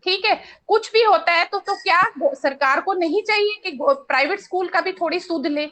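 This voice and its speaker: A woman's voice: very high-pitched, normal speed, bright, forceful tone. A woman speaking as a panel guest, insistent and argumentative. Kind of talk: panel discussion.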